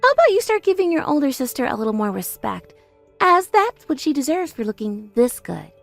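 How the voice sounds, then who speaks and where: Woman doing a snooty mean big sister in her 30s, really high voice, bragging and taunting, audio story drama. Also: sing-song, brisk, gravelly, fairly bright tone, faint music behind, exaggerated voice. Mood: mocking. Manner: haughty, taunting, self-praising. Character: vain, spiteful older sister in her thirties, boastful and mocking. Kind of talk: scripted audio story dialogue.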